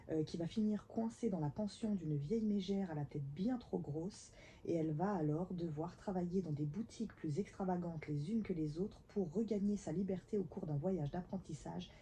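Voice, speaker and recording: A book vlogger, probably in her thirties, chats enthusiastically into her camera mic at home about her reading pile, dropping whispered asides. Her voice is lowish and dark, with a little hiss or hum.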